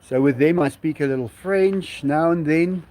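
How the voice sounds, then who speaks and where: A man with a fairly high, mellow voice and a South African Afrikaans accent, a native Afrikaans speaker, chats casually on an outdoor live stream at sunset. Unhurried and musing, he reads viewers' questions aloud, answers them and chuckles.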